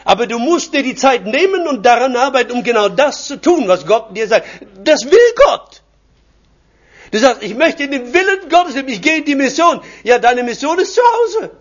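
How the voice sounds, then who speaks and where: An older man delivers a sermon built from stories of his own life, chuckling as he tells them. His voice sits high for a man. The recording is dull and lo-fi. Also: breathy edge. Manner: anecdotal, chuckling storyteller. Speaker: preacher. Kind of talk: personal sermon testimony.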